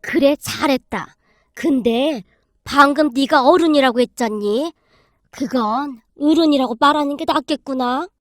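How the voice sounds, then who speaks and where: A woman voicing a stern, bossy old grandmother who drawls commands in a rough tongue, read as a storybook. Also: high-pitched, measured pace, dry recording, studio quality. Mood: stern coaching.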